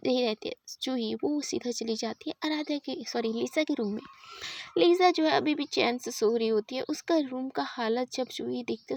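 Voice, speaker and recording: A woman's voice: high voice, no echo. A woman narrating a story in a chatty, casual way, often correcting herself. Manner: chatty, with frequent self-corrections.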